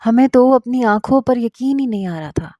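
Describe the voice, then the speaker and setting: A woman narrates a storybook romance at a steady pace, her tone mellow and soft. The recording is dry and close. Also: on the high side, dry recording.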